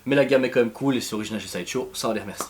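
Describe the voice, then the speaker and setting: A Belgian French-accented man co-hosts a laid-back review of a collectible statue. He talks at medium pitch in fast, meandering stretches packed with fillers and false starts.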